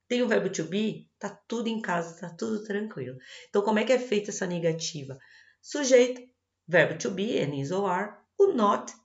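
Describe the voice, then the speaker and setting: A woman's voice: mid-range voice, vocal fry. A woman with a Brazilian Portuguese accent, an English teacher explaining grammar rules in a video lesson, patient and reassuring. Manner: patient, reassuring, checks in with "tá bom?". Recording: roomy, dull lo-fi recording.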